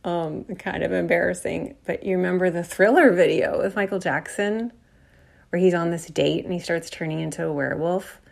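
A woman's voice: on the low side, moderate pace, vocal fry. A woman hosting a podcast, talking through a casual reflective monologue in a rambling way, full of fillers and calling her listeners y'all. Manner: chatty, addresses listeners as y'all. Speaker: podcast host.

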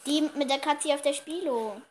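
A woman's voice: high-pitched, normal speed, slight background noise. A girl of about ten or eleven hosting a casual podcast with her younger sister, chatty and a bit bossy. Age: child, about 10 to 11. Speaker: podcast host. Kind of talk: casual kids' podcast chat.

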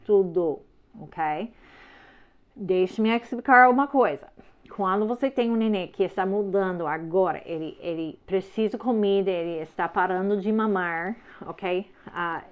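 A woman's voice: mid-range voice, a little slow, smooth. A woman teaching parents in a firm, simple way, often checking in with listeners. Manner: simple, slightly broken phrasing. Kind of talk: instructional talk. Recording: slightly dull lo-fi sound.

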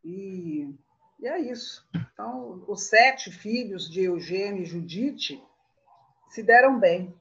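Woman in her sixties, interview guest, animated storyteller who laughs often; dull lo-fi recording. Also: medium pitch, slow. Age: 60s. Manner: warm reminiscing, laughs often. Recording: muffled lo-fi sound.

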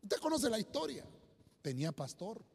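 A man's voice: high voice, big pitch swings, moderate pace, vocal fry, breathy edge. A man, a pastor, preaching an emphatic sermon to listeners online and calling them brother again and again. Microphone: streamed to listeners online. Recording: long hall reverb.

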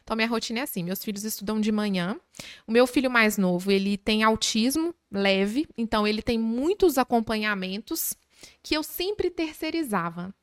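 A Brazilian woman in her thirties with a Belo Horizonte accent, a manicure talking as a podcast guest. She tells her stories animatedly, acting out quoted voices. Her voice sits a bit high and is recorded close and dry. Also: moderate pace, no echo. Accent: Belo Horizonte, Minas Gerais. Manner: animated storyteller, lively quoted voices, laughs often. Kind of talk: casual interview chat.

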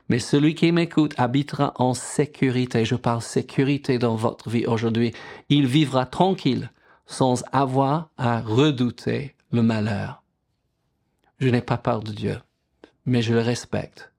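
Pastor preaching with emphatic rises. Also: male voice, mid-range voice, steady tone, slow, creaky, darkish tone. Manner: preaching with emphatic rises, quoting scripture, asking the congregation questions. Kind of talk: sermon.

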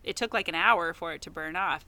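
A woman's voice: lowish voice, brisk, gravelly, no echo. An American woman co-hosting a book podcast, chatting casually and telling a travel story. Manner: storytelling, relaxed. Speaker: podcast co-host.

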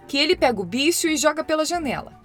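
Busy storybook mother, brisk and dismissive, a little high; a woman reader plays her. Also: expressive, soft background music.

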